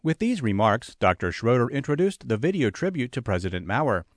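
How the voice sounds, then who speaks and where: A man reading a scripted narration in a clear, deliberate way. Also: mid-range voice, big pitch swings, no room sound, clean studio sound.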